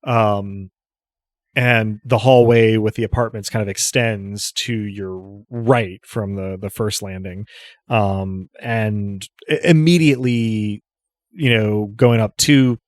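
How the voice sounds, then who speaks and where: A man acting as game master, improvising casual narration in a halting way, thinking aloud as he goes. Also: fairly low pitch, steady tone, no echo, studio quality.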